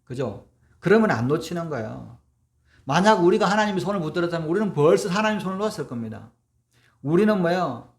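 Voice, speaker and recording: A man's voice: fairly high pitch, sing-song, fast. A male pastor preaching a sermon in a conversational way, often asking the congregation for agreement and acting out what people say. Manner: conversational preaching, acts out quoted voices, asks "그죠?".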